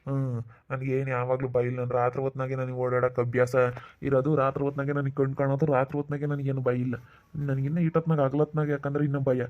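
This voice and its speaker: A man's voice: medium pitch, little pitch movement, highs cut off, natural voice. A man from playing a boastful male night thief who coaxes and drawls his words in a singsong way. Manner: singsong, coaxing, drawn-out. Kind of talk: village skit acting.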